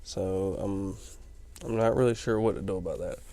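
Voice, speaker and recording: Sleepy dude doing let's play commentary, low gravelly voice, kinda dark and mellow. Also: male voice, steady tone, moderate pace. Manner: rambling, explanatory, chatty. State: tired, yawning late at night. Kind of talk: casual gameplay commentary.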